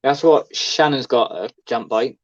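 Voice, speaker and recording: A man's voice: mid-range voice, a little slow. A man in casual chat as a podcast co-host, rambling and full of fillers. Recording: slightly dull lo-fi recording.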